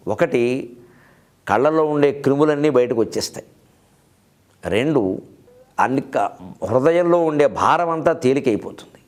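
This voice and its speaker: A middle-aged man giving a humorous literary talk in a storytelling manner, quoting verses slowly and adding lively asides. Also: mid-range voice. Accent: Telugu. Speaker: literary speaker and host.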